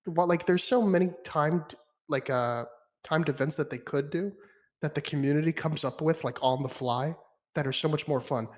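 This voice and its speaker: Ranting higher-voiced young man. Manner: ranting, fast and animated, swears freely. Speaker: podcast guest. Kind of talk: casual chat.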